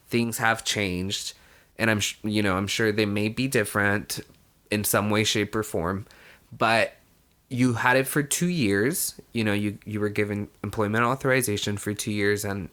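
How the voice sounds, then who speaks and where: Speaking in a lowish voice that sounds pushed and bright, a young man originally from Mexico shares his own story on camera as a vlogger. It's casual and conversational, sprinkled with "you know" and the odd swear word.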